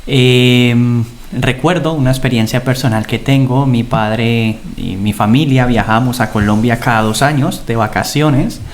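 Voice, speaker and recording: A young man from Spain, a guest on a podcast, telling a long personal story in a thoughtful, steady way. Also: mid-range voice, measured pace. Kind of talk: casual chat. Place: Germany.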